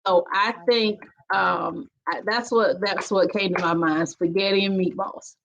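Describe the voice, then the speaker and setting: A woman on a church panel, talking in a steady, reflective way and building her point in lists. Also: medium pitch, a little slow, gravelly, lo-fi sound. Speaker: panel guest. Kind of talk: casual church panel talk.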